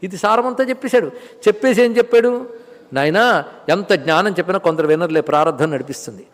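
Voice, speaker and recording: A man giving a spiritual discourse on the Gita, in a lively way, asking and answering his own questions. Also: high-pitched, quick pace, in a large hall.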